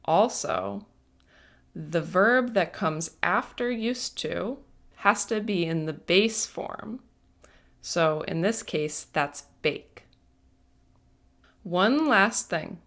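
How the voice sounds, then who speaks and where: A woman teaching an English grammar lesson, speaking patiently and deliberately and stressing each word. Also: medium pitch, fairly bright tone. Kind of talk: slow, careful grammar lesson.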